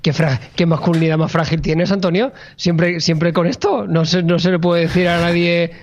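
A man's voice: on the high side, fairly even intonation, moderate pace, lo-fi sound, slight background noise. A man from co-hosting a podcast, in casual, emphatic chat with jokingly over-acted enthusiasm. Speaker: podcast co-host.

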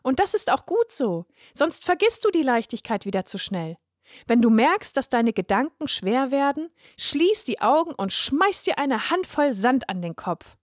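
A woman's voice: high voice, sing-song, measured pace, no room sound, clean studio sound, voice pushed up. A woman voicing a cheerful, teasing little girl in a read-aloud children's story. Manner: chirpy, teasing, sing-song. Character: cheerful freckled little girl, playful and bright. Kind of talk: storybook reading.

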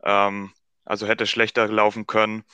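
Flat-voiced calm man in his twenties. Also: on the low side, normal speed, clear, resonant tone, dry recording, highs cut off. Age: 20s. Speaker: podcast guest. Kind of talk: casual podcast chat.

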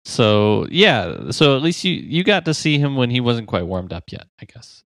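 Here a co-host of a podcast, his medium-pitched voice swinging widely in pitch, chats loosely about football odds and betting lines. He breezes through the numbers with easy laughter, and the recording is dry.

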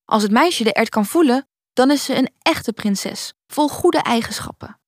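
A woman's voice: a little high, expressive, moderate pace, no room sound, clean studio sound. A woman voicing a kind girl who tells a bedtime story in a reassuring way.

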